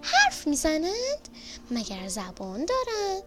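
A woman voicing an excited, curious little girl who asks eager questions in a high voice. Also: lightly acted. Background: background music.

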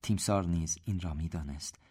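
A man narrating a story in a steady, measured reading voice. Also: low-pitched, slightly rough.

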